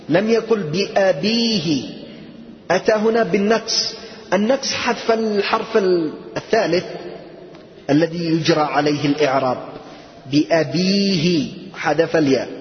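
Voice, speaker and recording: A man teaching an Arabic grammar class, quizzing his students and stretching out key words as he explains. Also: high voice. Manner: questioning students, drawn-out stressed words. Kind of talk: classroom lesson. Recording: echoey hall, dull lo-fi sound.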